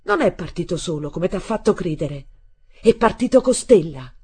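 A woman voicing a furious, jealous teenage boy who shouts bitterly in a husky voice in a storybook reading. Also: deep voice, unhurried, full character voice. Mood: furious shouting.

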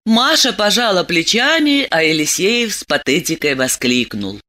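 A woman narrating an audiobook story in a lively, expressive way. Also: on the low side, normal speed.

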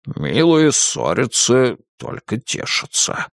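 A man voicing a laid-back, teasing male dragon in an audiobook, slow and mumbling. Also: on the low side, sing-song, vocal fry, a bit bright, dry recording, clean studio sound, heavily acted.

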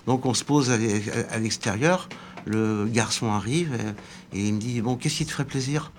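Older man telling a lively story. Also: mid-range voice, normal speed, slight background noise. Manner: lively storytelling, acting out quoted dialogue. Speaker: guest, former bookseller. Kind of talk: radio interview anecdote.

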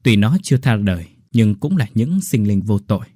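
A man's voice: lowish voice, animated, normal speed, mellow, no room sound, clean studio sound. A man voicing a grieving older village father who cries out in anguish. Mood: sorrowful.

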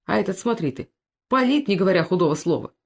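A woman's voice: on the low side, animated, quick pace, gravelly, breathy edge, heavily acted. A woman voicing a burly, simple-minded peasant thief who complains in a whimpering folk speech. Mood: plaintive.

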